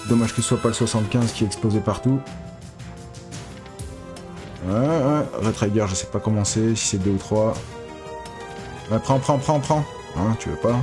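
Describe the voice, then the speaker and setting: A man with a voice on the low side streams casino play, giving excitable, casual live commentary while pleading with the reels and swearing.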